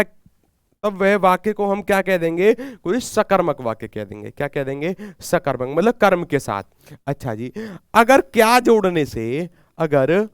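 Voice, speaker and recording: A man with a Haryanvi accent leads a live exam-prep class in a fairly high, clean voice. He fires questions at his students and answers them himself, repeating each key term. His throat is a little sore, and the sound is dry and close. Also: clean tone, dry recording. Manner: repeats key words, calls himself guruji. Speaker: Hindi exam teacher.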